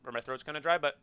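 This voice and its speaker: A man's voice: on the high side, clear, resonant tone, dry recording, muffled recording. A man streaming a game, chatting casually with viewers in a joking, rambling way and repeating himself.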